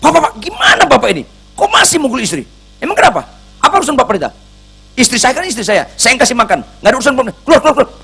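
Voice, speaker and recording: A man voicing an angry, defiant husband who beats his wife, shouting in a high-strung voice. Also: big pitch swings, very fast, gravelly, breathy edge, full character voice.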